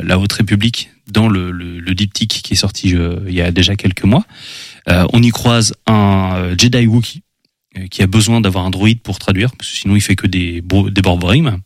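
A man with a fairly low voice talks casually about books on a talk show. He is relaxed and chatty and pauses often to find his words. The sound is close and dry. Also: no echo. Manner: relaxed, chatty, many hesitations. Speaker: radio show columnist. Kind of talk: casual chat presenting manga.

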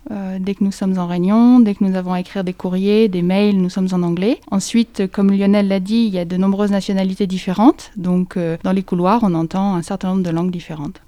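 Mellow-voiced French woman explaining procedures. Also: mid-range voice, fairly even intonation, brisk, few pauses, dry recording. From France. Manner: clear, informative, composed. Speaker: guest, agronomist at agency. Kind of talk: interview answers.

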